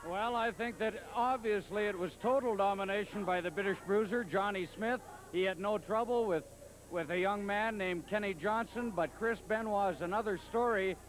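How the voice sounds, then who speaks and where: Measured wrestling interviewer. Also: male voice, high voice, poor audio. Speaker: interviewer and commentator. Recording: 1989 TV broadcast.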